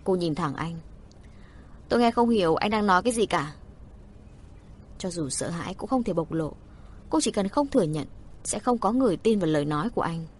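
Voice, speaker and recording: A woman reading a story aloud as an audiobook narrator, with expressive narration. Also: lowish voice, husky.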